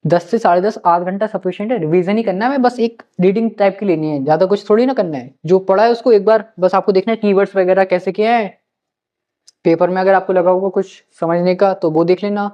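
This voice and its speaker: A man's voice: high voice, fairly even intonation, fairly quick. A male teacher giving study-planning advice to students, coaxing them and repeating his key points. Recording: slightly muffled lo-fi recording.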